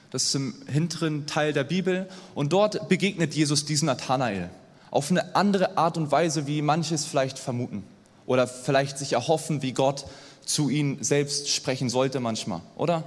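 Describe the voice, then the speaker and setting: A young man preaching a sermon in a lively, conversational way, often checking in with his listeners. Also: a little high, moderate pace. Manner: lively, conversational, asks the audience "oder?" often. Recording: long hall reverb.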